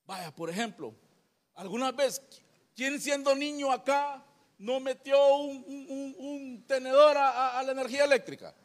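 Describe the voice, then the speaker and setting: A man preaching a sermon as pastor, telling lively stories with acted voices and sound effects, calling listeners "brother". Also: extremely high pitch, measured pace, long reverb tail. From Honduras. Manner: folksy, addresses listeners as brother.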